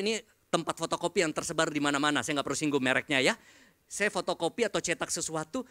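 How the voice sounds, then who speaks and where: Man, pastor, Indonesian accent, high voice, animated storytelling sermon, church hall. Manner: animated, jokey, acts out quoted voices.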